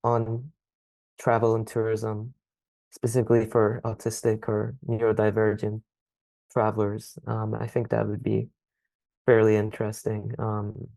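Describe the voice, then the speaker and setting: A young man answering interview questions thoughtfully, pausing often with ums. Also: lowish voice, completely flat delivery, vocal fry, mellow, no echo. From Scotland. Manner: thoughtful, hesitant, frequent ums. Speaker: podcast guest.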